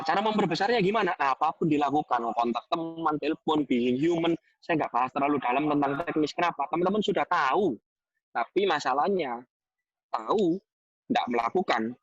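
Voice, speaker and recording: A man giving a lively motivational talk on a video call, telling stories and repeating phrases for emphasis. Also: a little high, dry recording, dull audio. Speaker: guest speaker.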